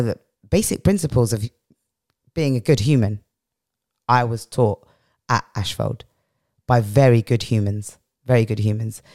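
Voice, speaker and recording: A podcast interview features a middle-aged Englishwoman recounting personal stories reflectively, repeating phrases for weight. Her voice is very deep, mellow, strong and powerful, recorded in clean studio sound without echo.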